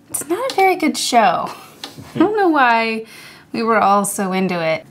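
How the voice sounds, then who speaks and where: A woman host narrates a scripted podcast essay in a mid-range voice. She keeps it casual and wry, breaking into chatty asides. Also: mid-range voice. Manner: casual, wry, conversational, laughs at own jokes.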